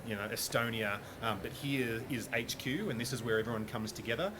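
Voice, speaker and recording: A man gives thoughtful, keen interview answers in a mid-pitched voice. Clear background noise from the surroundings sits under him. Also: brisk. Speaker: business guest expert. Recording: noisy background ambience.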